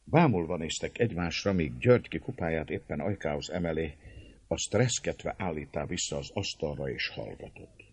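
A man narrating an audiobook in an expressive storytelling manner. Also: a bass voice, breathy edge, no room sound. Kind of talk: audiobook narration of a historical novel.

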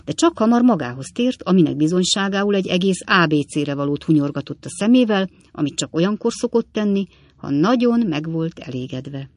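A woman narrating a classic novel as an audiobook in a measured storytelling manner. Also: on the low side, lively intonation, darkish tone, no echo.

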